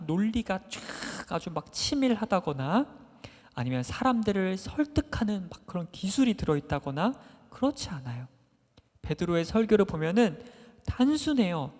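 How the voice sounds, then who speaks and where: Animated children's preacher in a reverberant hall. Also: mid-range voice. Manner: animated storyteller, questions to the children, constant filler "막". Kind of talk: children's sermon storytelling. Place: church worship hall. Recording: long reverb of a large hall.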